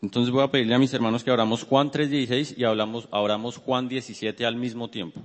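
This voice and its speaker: A man's voice: mid-range voice, steady tone, fast talker. A man preaching earnestly, praying aloud and then teaching from scripture to his congregation. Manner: earnest, repeats "Señor" often in prayer. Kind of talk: prayer and bible teaching. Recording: long hall reverb.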